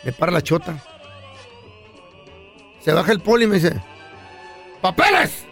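A man's voice: a little high, moderate pace, gravelly, loud music behind the voice. A male radio co-host with a Mexican Spanish accent, cracking mocking jokes in comedy banter. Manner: wisecracking, mocking.

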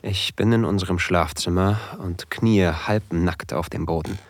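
A man plays an eager, nervous submissive husband, quietly confiding his story in a hushed, deliberate first-person audio drama. His voice sits low, and the mood is confiding and anticipatory.

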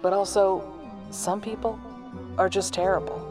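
A woman's voice: mid-range voice, little pitch movement, a little slow, over music. A woman giving scripted podcast narration in a wry, storybook style.

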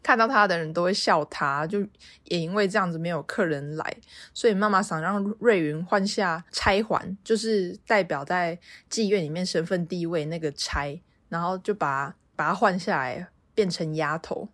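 A woman's voice: fairly low pitch, moderate pace, fairly bright tone, no echo. A woman with a Taiwanese Mandarin accent hosting a podcast, casually retelling a story in a chatty way with many filler particles. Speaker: podcast host.

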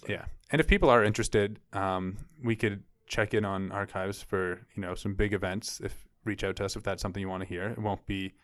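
A man co-hosting a podcast, easygoing and quick to laugh in casual chat. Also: fairly low pitch, steady tone, no room sound. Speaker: podcast co-host.

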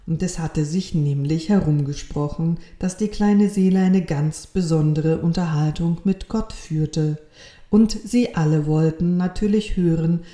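A woman reading a children's story aloud in a calm, soft, measured way. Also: on the low side. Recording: roomy echo.

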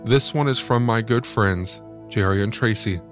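A man hosting the show, guiding a short meditation in a soothing, gently wry way before introducing a story. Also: lowish voice, moderate pace, faint music behind. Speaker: show host introducing the segment. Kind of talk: calm guided meditation intro.

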